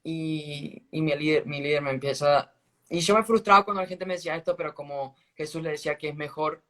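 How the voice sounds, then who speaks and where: Man, slightly raised pitch, casual spoken testimony, earnest, stop-start delivery, phone live-stream sound. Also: sharp tone. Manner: earnest, halting storytelling with restarts. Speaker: guest sharing a faith testimony. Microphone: phone on a live video stream.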